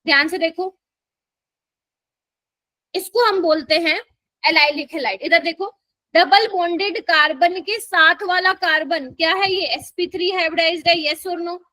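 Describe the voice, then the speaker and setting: A woman's voice: very high-pitched, steady tone, unhurried, sharp tone, no echo. A woman teaching a live chemistry class, coaxing and quizzing her students as she explains. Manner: coaxing, keeps quizzing students and calling them "my child".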